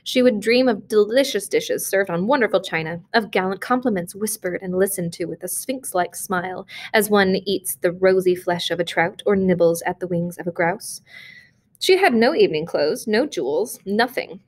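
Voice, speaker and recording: A woman's voice: mid-range voice, moderate pace. Woman reading a short story aloud. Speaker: reader.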